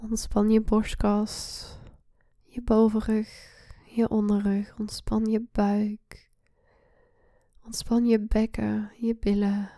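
Female meditation guide: hushed, soothing, breathy half-whisper, unhurried pace, close dry sound. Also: medium pitch, completely flat delivery, no echo. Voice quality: soft, breathy, often slipping into a whisper. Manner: soothing, hushed spa-like delivery with pauses. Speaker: guided meditation podcast host. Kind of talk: slow guided relaxation meditation.

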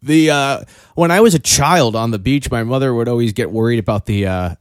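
A man's voice: mid-range voice, brisk, no room sound, studio quality. A man co-hosting a podcast, rambling and joking with lots of fillers and restarts. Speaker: podcast co-host. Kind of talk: casual chat. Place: in New Jersey.

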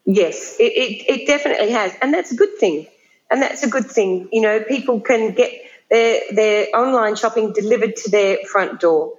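A woman's voice: fairly high pitch, normal speed. Woman on slightly dull audio. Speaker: podcast guest, beauty brand merchant. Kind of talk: conversational interview.

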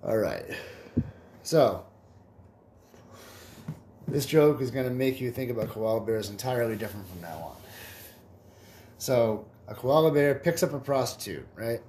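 A man hosting a podcast, telling jokes in a relaxed, rambling way and chuckling at his own punchlines. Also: mid-range voice, a little slow, long pauses, a little hiss or hum. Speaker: podcast host. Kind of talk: casual joke telling.

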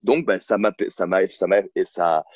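A man's voice: low-pitched, normal speed, dry recording, lo-fi sound. A man working as a sports coach, guest on a podcast, talking bluntly and outspokenly in a casual interview, with many hesitations and restarts. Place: at home on a couch, filming himself. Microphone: camera mic.

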